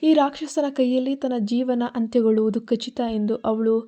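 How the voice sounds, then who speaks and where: A woman's voice: fairly high pitch, steady tone, normal speed, dark tone. A woman telling an emotional family drama as a storyteller. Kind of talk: storytelling narration.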